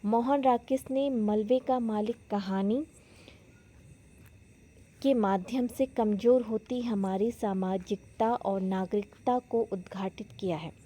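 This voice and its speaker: A woman teaching a Hindi literature lesson, retelling and explaining a short story in a slow, explanatory way with occasional fillers and restarts. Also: medium pitch, fairly even intonation, mellow.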